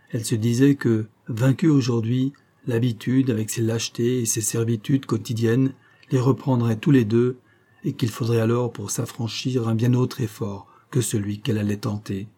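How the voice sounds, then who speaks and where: A man narrating a novel in a measured, even storytelling manner. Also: mid-range voice. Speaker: audiobook narrator.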